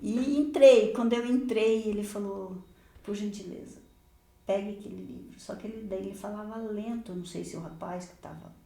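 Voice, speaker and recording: A woman pastor telling a personal testimony in a podcast conversation, lively and often laughing, acting out the dialogue of her story. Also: mid-range voice, a little fast, creaky, few pauses, roomy sound.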